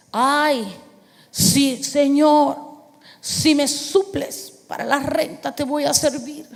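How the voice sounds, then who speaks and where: Fervent high-voiced woman preacher. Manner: fervent, rhetorical questions, calls for congregation responses. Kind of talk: sermon. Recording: long reverb of a large hall.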